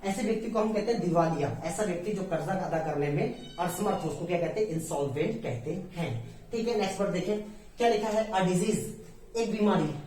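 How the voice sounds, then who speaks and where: A woman's voice: fairly low pitch, mellow, slight background noise. Echoey Indian woman teaching English. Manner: explains slowly in Hindi with English words, often asks and repeats. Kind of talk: online English lesson. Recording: very echoey room, far from the mic.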